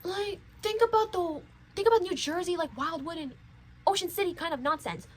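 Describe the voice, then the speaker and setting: A nineteen-year-old vlogger chats casually to her viewers, rambling and lecturing with lots of fillers and restarts. Her voice is very high and brisk, and the recording quality is rough.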